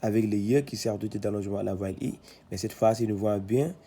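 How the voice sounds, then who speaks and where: A man teaching Quran reading, sounding out syllables loudly one by one, then explaining calmly with many hesitations. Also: on the low side, fairly quick, breathy edge. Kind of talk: slow syllable-by-syllable reading lesson.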